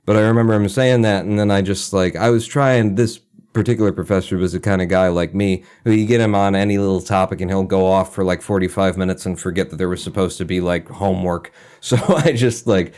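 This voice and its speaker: A young man tells stories in a casual podcast chat, his voice sitting on the low side. He laughs often and keeps the tale lively, slipping into mimicked voices along the way. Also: fast talker, clear, resonant tone. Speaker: podcast co-host.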